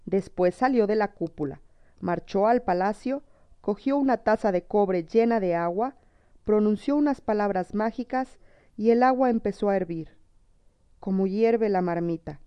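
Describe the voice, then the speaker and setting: A woman narrates an old tale in a steady, measured storybook reading. The recording is dull and lo-fi, with a dry, close sound and no room echo. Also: medium pitch.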